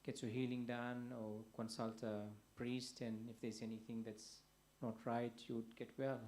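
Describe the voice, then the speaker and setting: A soft-spoken young man from Fiji tells his story hesitantly, pausing often and restarting his sentences. His voice is flat and even, with a dark, mellow tone. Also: medium pitch. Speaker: guest. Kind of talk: personal testimony.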